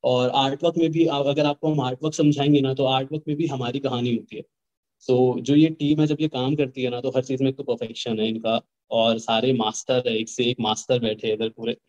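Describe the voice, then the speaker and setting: A man's voice: medium pitch, little pitch movement, brisk, darkish tone, muffled recording. A young man, a rapper, talking earnestly and at length in a casual interview, mixing in English phrases. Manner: earnest, rambling, mixes Hindi and English. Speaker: rapper guest.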